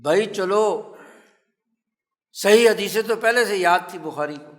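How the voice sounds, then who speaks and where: A male religious scholar with a Pakistani Urdu accent delivers a formal lecture and tells his story slowly and deliberately. His voice sits somewhat high for a man, and he stresses key phrases by repeating them. He is recorded in a lecture hall with long reverb. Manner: slow, measured storytelling with emphatic repetition. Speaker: religious scholar teaching hadith.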